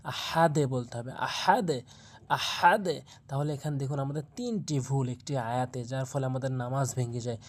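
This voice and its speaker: A man's voice: medium pitch, flat delivery, a little fast, darkish tone. Bangla-speaking man teaching Quran pronunciation. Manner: repeats each word in drills, spells out letters and vowel marks.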